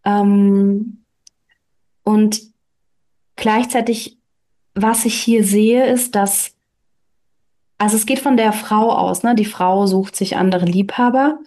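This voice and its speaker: A woman reads a story aloud in an even, mid-pitched voice. She then talks it through reflectively, pausing often as she searches for words. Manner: reflective, many fillers. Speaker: reader and host.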